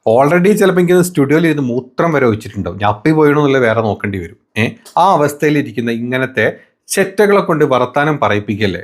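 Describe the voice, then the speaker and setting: A male commentator talks over debate clips, his voice at an ordinary middle pitch. He heaps sarcasm and crude insults on his targets, often in a falsely affectionate tone. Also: sing-song, quick pace. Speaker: political commentary host.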